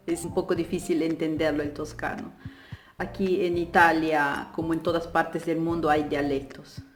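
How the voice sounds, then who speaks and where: A young Peruvian woman with a Peruvian Spanish accent giving chatty advice in a casual vlog, with many fillers and restarts. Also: sits low. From Peru. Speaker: vlogger. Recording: echoey room with faint music.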